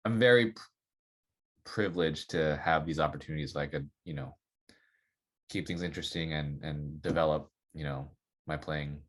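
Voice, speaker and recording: A man's voice: rumbling low, normal speed, long pauses. A man, a saxophonist guest on a podcast, chatting casually and loosely, full of "like" and "you know". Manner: relaxed, rambling, filler-heavy with many "like" and "you know".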